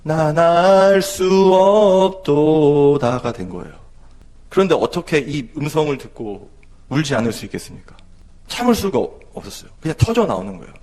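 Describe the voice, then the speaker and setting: A man's voice: medium pitch, big pitch swings, brisk, slightly rough. A man in his thirties preaching a testimony sermon in a church, emotional and building to pleading intensity. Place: church sanctuary.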